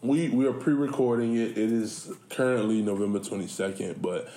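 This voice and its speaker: A man's voice: lowish voice, brisk, warm tone, a little hiss or hum. A man co-hosting a casual podcast, telling stories animatedly with lots of laughter and repeated words. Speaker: podcast co-host and school coach. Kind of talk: casual chat. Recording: echoey room.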